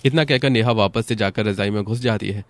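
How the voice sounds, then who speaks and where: Low-voiced man narrating a cartoon. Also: fairly quick, slight background noise.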